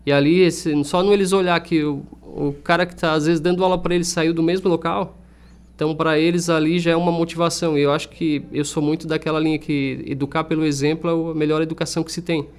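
A young man speaks as an interview guest. He talks about his work in a fairly high voice. He is earnest and reflective, and often breaks off to restart a thought. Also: little pitch movement, quick pace, clear, resonant tone. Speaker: music teacher and singer.

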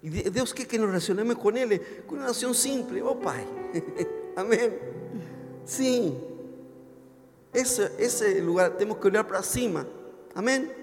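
A man preaching a sermon as pastor in Spanish mixed with Portuguese, acting out impassioned prayers. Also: high voice. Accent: Spanish speaker mixing in Portuguese. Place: church hall. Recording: reverberant church hall with soft music.

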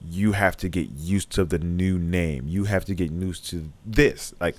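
A man with a very low, deep voice chats casually on a podcast. He speaks frankly and bluntly, circling back and repeating phrases to drive a point home. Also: a little slow. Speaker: podcast co-host. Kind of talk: casual chat.

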